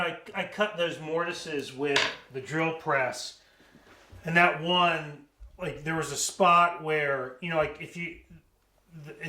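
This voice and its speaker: A man from the American South with a slight Southern accent, demonstrating woodworking casually and rambling with joking asides. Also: a little high. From Southern United States. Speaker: woodworking instructor. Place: woodworking shop. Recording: echoey shop, distant mic, background noise.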